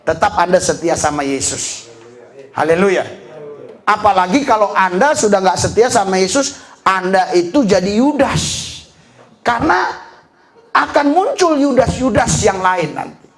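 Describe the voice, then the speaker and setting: A man preaching a sermon as pastor, lively and full of laughter and shouted exclamations. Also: high-pitched, measured pace.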